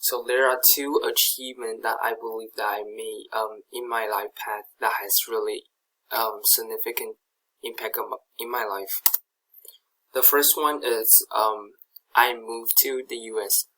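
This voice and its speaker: In a poor-quality recording with a little hiss or hum, a young man from Taiwan presents slides haltingly, restarting sentences and using many fillers. He is a native Chinese speaker with a Taiwanese accent, and his lowish voice stays fairly even, unhurried, pushed and bright.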